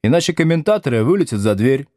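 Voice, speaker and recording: Man doing a stern young schoolteacher, curt, commanding, lively intonation, dry close sound. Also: medium pitch, fast talker, no echo, pitched above the performer's own voice, close to an everyday voice.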